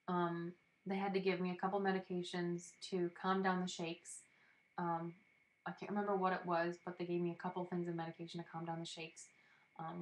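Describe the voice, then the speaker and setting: A young woman casually telling a personal story, candid and chatty, with frequent ums and small laughs. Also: on the low side. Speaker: vlogger telling her birth story. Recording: echoey room.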